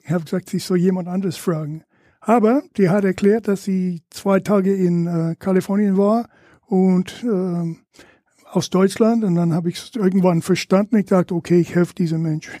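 An older man with an American accent talks as a guest in halting, searching German. He is a native English speaker and laughs easily. His voice is mellow and the sound is dry and close. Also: high-pitched, fairly even intonation, dry recording. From Louisiana, USA. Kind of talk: casual interview chat.

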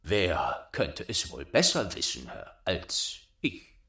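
A man voicing a gentle, homesick reindeer in a storybook, speaking low, slow and wistful. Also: very animated, exaggerated voice.

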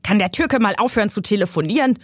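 A woman's voice: mid-range voice, animated, fast talker, no room sound, studio quality, lightly acted. A woman reading aloud from her novel, voicing a grumpy, bossy old uncle who nags from the passenger seat. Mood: nagging. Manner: nagging, scolding commands.

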